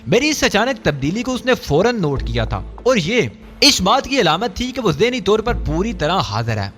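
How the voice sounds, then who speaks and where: Lively, high-voiced male storyteller. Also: soft background music. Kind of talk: scripted audiobook narration.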